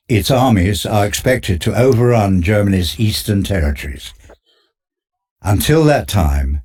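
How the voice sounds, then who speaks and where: As the narrator of a war game's opening, a man delivers solemn, dramatic scripted narration in a documentary style. His voice is on the low side, a little mellow, with a breathy edge.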